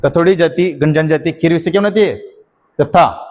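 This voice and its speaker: A man's voice: a little high, darkish tone. Man dictating a class lesson. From Rajasthan. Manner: repeats each point slowly for students to copy, checks with "है ना?". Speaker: teacher. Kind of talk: exam-prep dictation lecture.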